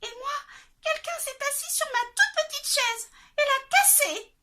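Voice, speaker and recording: A woman voicing a tiny baby bear in a storybook reading, with a very high, whiny, tearful voice. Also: lively intonation, unhurried, pushed and bright, exaggerated voice.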